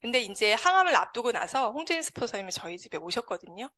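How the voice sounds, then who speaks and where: A woman speaks to an audience and shares a heartfelt personal testimony. Her fairly high voice swings widely in pitch as she tells the story with feeling. She acts out the quoted dialogue vividly. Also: very animated, fast, bright, forceful tone. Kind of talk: emotional personal testimony speech.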